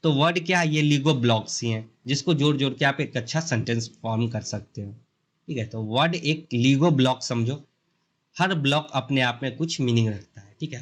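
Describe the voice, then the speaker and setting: A young man with an Indian accent teaches beginner English grammar in a loose, chatty mix of Hindi and English. He leans on homely comparisons to make each idea stick. Every point gets a quick check-in with the listener before he moves on. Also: mid-range voice. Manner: explains with simple analogies, often checks in with the learner. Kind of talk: casual Hindi-English lesson.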